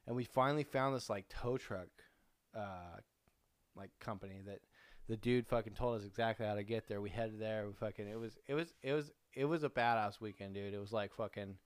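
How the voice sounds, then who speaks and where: A man's voice: on the low side, fairly quick, clean tone, dry recording. A man co-hosting a podcast, telling road-trip stories in a loose, profane, laid-back way with lots of restarts. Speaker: podcast co-host. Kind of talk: casual chat, swapping road-trip stories.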